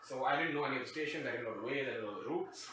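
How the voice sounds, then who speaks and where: Rapid-fire and forceful, this man's mid-range, bright voice drives a sarcastic, digressive comedic story. He is the host of a storytime show and was raised in a different country from his current one. The room is very echoey, the mic distant, and faint noise is present.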